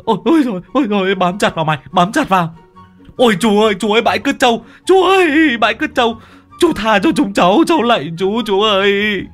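A man voicing terrified young male thugs who wail and beg in high, strained cries. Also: animated, quick pace, a bit bright, faint music behind. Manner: wailing, pleading.

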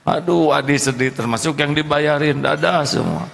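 Gravelly preacher. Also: male voice, fairly high pitch, moderate pace, very noisy. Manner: lively storytelling, acts out characters. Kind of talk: storytelling sermon. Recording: echoey hall reverb.

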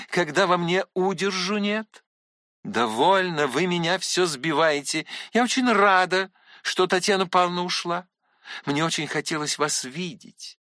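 A man reading a gentle, teasing young noblewoman's lines in an audiobook, soft and indulgent. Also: sits high, no room sound, clean studio sound.

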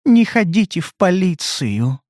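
A scared young woman pleads in a soft, trembling voice, as a man reads her part. Her lines sit far above the reader's usual pitch and swing widely in tone. The recording is close and dry. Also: very animated, unhurried, dry recording, full character voice. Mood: pleading. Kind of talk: audiobook character reading.

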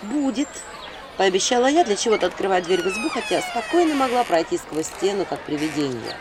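Lively woman reading a story aloud. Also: medium pitch, fast talker, crowd noise. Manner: lively, acting out quotes. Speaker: audiobook narrator.

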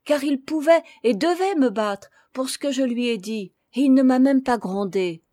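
An eager little boy of seven in a storybook, as a woman reader gives him voice. He pleads in a lively, heartfelt way. The voice sits a bit high and close, with no room echo. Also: normal speed. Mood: earnest.

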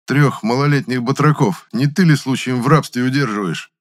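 A man voicing a brash young male squad leader who talks in sharp, mocking, commanding bursts. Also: mid-range voice, normal speed, pitched above the performer's own voice, natural voice.

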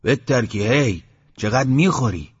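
A man's voice: mid-range voice, animated, breathy edge, voice pushed up. A man voicing an irritable, exasperated male villager, on a dull lo-fi audiobook recording.

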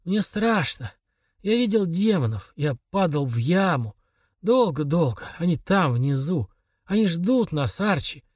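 A man voicing a raspy dying father. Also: a little high, big pitch swings, a little slow, no echo, clean studio sound, pitched above the performer's own voice, heavily acted. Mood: weak, pleading. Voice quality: raspy whisper. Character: dying, broken father, weak and rasping.

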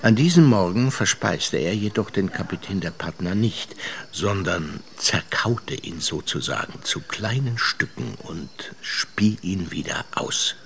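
A male actor gives full character voice to a reflective, wry seaman narrating his memories in the first person for a radio drama, musing, storytelling and sardonic. His low voice has lively intonation, an unhurried pace and a bit of brightness. Music plays behind him, with slight background noise.

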